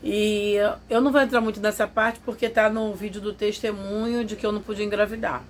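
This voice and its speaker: A woman speaks fairly quickly in a level, mid-range voice, giving her viewers an emotional personal testimony. She confides in them and performs what others said, and a little hiss or hum runs underneath.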